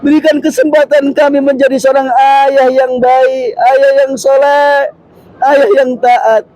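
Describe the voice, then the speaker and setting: A man's voice: extremely high pitch, flat delivery, measured pace, darkish tone, low-quality recording. A man leading pilgrims in a long, impassioned prayer, pleading in repeated refrains, a father and husband himself. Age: adult, a father and husband. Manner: chanted Arabic prayer, then tearful pleading refrains in Indonesian. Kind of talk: impassioned supplication. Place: large mosque courtyard, in public.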